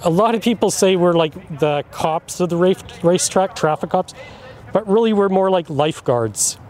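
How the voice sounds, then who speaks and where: A man's voice: high-pitched, animated, normal speed, darkish tone, slight background noise. A man talking in an interview as a racetrack outrider, explaining his job. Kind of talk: interview talk.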